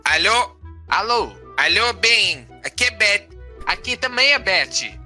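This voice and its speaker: Man as a shrill, confused Brazilian old lady, voice-changed. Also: very animated, slow pace, bright, forceful tone, soft background music, exaggerated voice.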